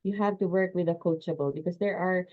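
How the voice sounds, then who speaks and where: A woman's voice: fairly low pitch, steady tone, fast, narrow, tinny audio. A woman giving an online sales training lecture, speaking with energy and emphasis and laughing between points. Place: home, on a video call. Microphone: video call.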